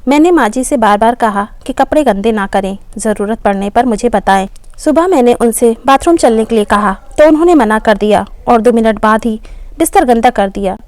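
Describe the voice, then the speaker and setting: A woman's voice: fairly high pitch, expressive, normal speed, darkish tone, no echo, close to an everyday voice. A woman voicing a tired housemaid who complains about her hard work. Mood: weary, complaining. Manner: complaining, weary. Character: worn-out housemaid, tearful and complaining.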